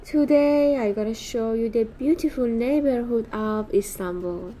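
A woman hosting a walking tour video, reading a scripted travel narration in an even, gentle manner as a voice-over. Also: a little high, measured pace, a little hiss or hum, low-quality recording. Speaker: walking tour vlog host.

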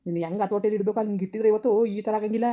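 A woman voicing an angry village father who shouts and curses at his daughter in a harsh, bitter way. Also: mid-range voice, fairly even intonation, rapid-fire, close to an everyday voice. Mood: raging. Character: furious village father, harsh and cursing, man. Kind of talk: village family drama acting. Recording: dull lo-fi recording.

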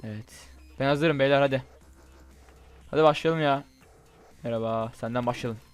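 A young man doing casual, excitable gameplay commentary, chatting straight to his viewers. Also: mid-range voice, normal speed, smooth. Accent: Turkish. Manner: chatty, excitable, talks to viewers as "guys" and "bro". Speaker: gaming YouTuber. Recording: faint game music behind.

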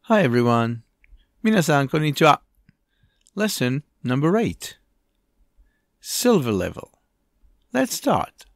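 A man's voice: a little high, big pitch swings, drawn-out words, pauses often, dry recording, studio quality. A man teaching English to children, spelling words letter by letter and mixing English with Japanese in a patient way. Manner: switches between English and Japanese.

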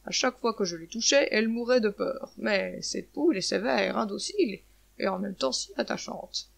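A woman voicing a feared male eagle who turns gentle and reassuring, in a storybook tale. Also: mid-range voice, normal speed, creaky, breathy edge, exaggerated voice. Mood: musing. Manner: calm and reassuring. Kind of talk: storybook narration.

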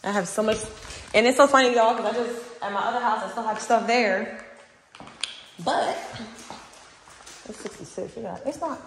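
Filming a house tour on a handheld phone, a woman walks through empty indoor rooms, chatting casually with viewers and a companion. Her voice is fairly high and a bit bright, at a moderate pace with frequent pauses. The phone audio is noisy and the bare rooms are very echoey.

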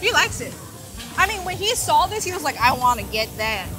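A woman with a high, light voice gives frank, playful reactions as she tastes street food. Her tone stays casual and teasing. Strong music plays behind her. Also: sing-song, brisk. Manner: playful, candid reactions while tasting. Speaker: guest food vlogger. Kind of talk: casual food vlog chat. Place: busy outdoor night market.

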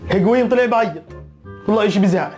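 A man doing casual football chat as a YouTuber, teasing and mock-scolding in an animated way. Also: high-pitched, very fast, faint music behind. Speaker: football YouTuber reacting to results.

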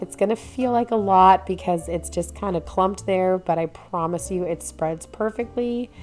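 A woman in her thirties chatting her way through a home cooking video, gushing over the food and filling her talk with "like" and "oh my goodness.". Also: lowish voice. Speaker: cooking vlogger. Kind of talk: casual cook-along narration. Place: home kitchen, indoors.

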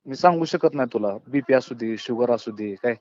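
On a phone call, a man with a rural Maharashtrian accent holds forth earnestly in a colloquial, philosophising monologue, often calling the listener "brother." His mid-range voice is slightly mellow and moves at a normal speed. The close, dry phone recording sounds dull and lo-fi.

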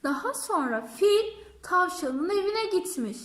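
A woman narrates a fairy tale for children, her voice very high and bright. She tells it slowly and carefully. The sound has a roomy echo. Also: big pitch swings, noisy background. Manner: slow, warm-paced storytelling. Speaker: storyteller. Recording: echoey room.

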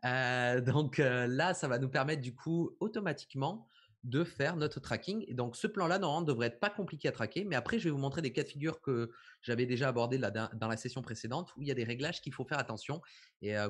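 A man's voice: medium pitch, a little fast, slightly rough. A man giving a casual live tutorial on visual effects, explaining step by step with lots of fillers. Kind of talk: live software tutorial chat.

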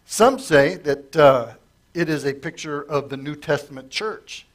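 Pitched fairly high and keeping a measured pace, a middle-aged pastor gives a verse-by-verse Bible-study sermon into a lectern mic in a church sanctuary. His manner is conversational, with questions for the congregation, though his voice is failing and he keeps coughing.

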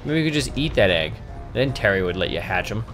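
A man co-hosting a casual let's play at a desk microphone, joking around with playful loud outbursts. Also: on the low side, big pitch swings, quick pace, music in the background. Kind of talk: casual gameplay commentary.

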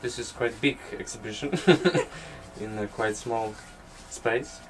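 A Polish man, an artist and gallery co-runner, answers interview questions casually from inside a small old caravan, chuckling often and speaking with a Polish accent. His fairly low voice is steady and slow. The low-quality recording carries faint ambient noise in the background.

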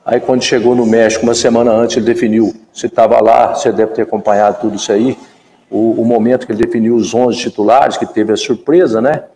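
Brazilian man in his fifties, former player as guest, animated storyteller, gravelly mellow voice, echoey room with long reverb. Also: mid-range voice, fast, a little hiss or hum. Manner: animated storyteller who acts out quoted dialogue. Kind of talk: storytelling in a live chat.

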